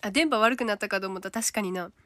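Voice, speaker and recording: A woman with a Kansai accent chatting casually on a livestream, reading out viewer comments and now and then dropping to a soft whisper. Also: mid-range voice, quick pace, a little hiss or hum. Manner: chatty, reads comments aloud, drops to a soft whisper at times.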